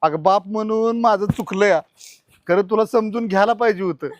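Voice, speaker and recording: A man's voice: high-pitched, brisk, noisy background, natural voice. A man playing a distraught village father who pleads and scolds emphatically in a short film. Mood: tender. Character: distraught rural father defending his daughter.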